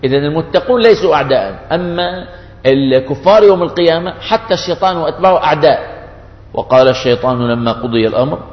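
A man preaching, earnest and pleading. His voice sits fairly high and carries through a long, echoing hall. The recording is dull and lo-fi. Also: expressive, fast. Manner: earnest, shifts between colloquial dialect and classical Arabic. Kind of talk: sermon. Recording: echoey hall, dull lo-fi sound.

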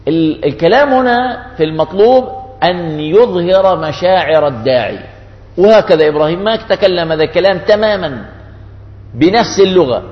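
A man preaching, earnest and pleading. His voice sits fairly high and carries through a long, echoing hall. The recording is dull and lo-fi. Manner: earnest, shifts between colloquial dialect and classical Arabic. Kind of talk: sermon. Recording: echoey hall, dull lo-fi sound.

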